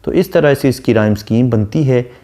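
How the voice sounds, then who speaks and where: A man, explaining a sonnet as a literature lecturer, reading the English lines slowly before explaining them. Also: mid-range voice, warm tone. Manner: reads English verse slowly, then explains.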